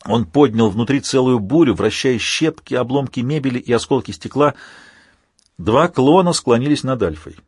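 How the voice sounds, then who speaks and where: Husky male audiobook narrator. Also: medium pitch, lively intonation, normal speed, darkish tone, no room sound, studio quality. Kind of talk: scripted narration.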